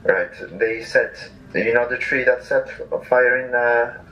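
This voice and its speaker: A man's voice: medium pitch, steady tone, slow. A man from Israel talking on a video chat, answering hesitantly and restarting his sentences. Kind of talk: casual argument. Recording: dull video-chat audio with faint noise.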